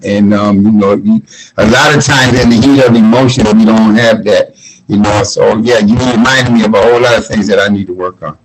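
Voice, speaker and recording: A man's voice: lowish voice, husky, poor audio. A man who owns a shop, sharing reflective, conversational thoughts with many fillers during a video call discussion. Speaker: shop owner, attendee. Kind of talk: casual discussion.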